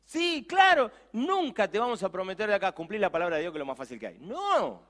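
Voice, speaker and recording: A youth pastor with a Rioplatense Spanish accent preaches with lively, swooping intonation in a slightly high voice. He presses his points hard and slips into friendly, chatty asides to the congregation. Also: quick pace. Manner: animated, emphatic preaching with conversational asides. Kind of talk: sermon.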